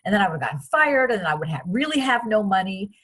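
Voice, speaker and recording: A woman from France, a guest in an interview, telling personal stories in a chatty, animated way with many restarts. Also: medium pitch, fast talker. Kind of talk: casual interview storytelling.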